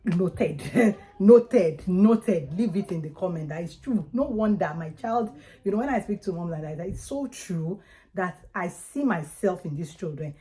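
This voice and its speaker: A woman's voice: lowish voice, lively intonation, normal speed, dark tone. A woman with a Nigerian Yoruba accent giving casual, emphatic advice straight to viewers in a conversational way. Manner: emphatic, conversational, acts out examples. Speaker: parenting vlogger.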